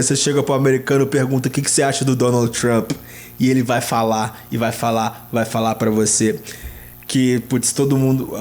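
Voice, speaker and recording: A man's voice: medium pitch, darkish tone. A young Brazilian man giving chatty, slangy travel tips, often dropping casual interjections. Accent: Brazilian Portuguese. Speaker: travel vlogger.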